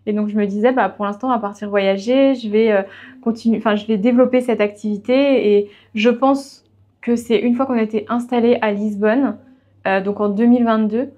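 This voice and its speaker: Telling her own story in a relaxed, chatty way, a young freelance web writer of Portuguese family background guests on a podcast. Her voice is fairly high and mellow, with the highs cut off in the recording.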